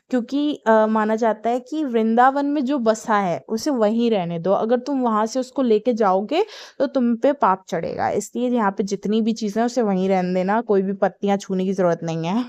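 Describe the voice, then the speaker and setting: Young woman vlogging, tired and chatty, smooth voice, dry close sound. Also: medium pitch, darkish tone, no echo. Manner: chatty, with many fillers and English words mixed in. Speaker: travel vlogger. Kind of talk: casual vlog narration.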